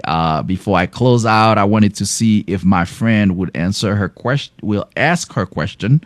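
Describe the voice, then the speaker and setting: Low-voiced French-accented man thanking viewers. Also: no echo. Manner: effusive, repeats his thanks over and over. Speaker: health educator hosting a live show. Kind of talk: live-stream sign-off. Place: clinic.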